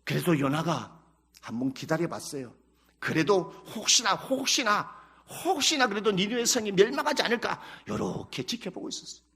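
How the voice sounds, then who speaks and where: High, bright-voiced Korean pastor preaching. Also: male voice, sing-song, normal speed, slightly rough. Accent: Chungcheong Korean. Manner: emphatic preaching with dramatic acted prayers and quotes. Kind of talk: sermon.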